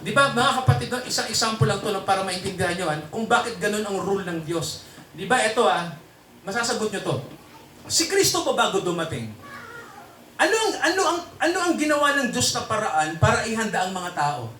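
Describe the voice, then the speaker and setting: A man delivering a sermon and a prayer to a congregation, peppering them with tag questions. His voice sits high and sounds bright and sharp. It comes from a distance in a reverberant hall, with a faint hum of room ambience behind him. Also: sing-song, fairly quick. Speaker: preacher. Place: church hall before a congregation.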